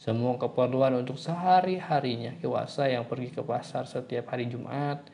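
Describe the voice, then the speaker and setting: A man's voice: medium pitch, moderate pace, warm tone. A man narrating a horror story in a casual way, breaking off with chatty asides to his listeners.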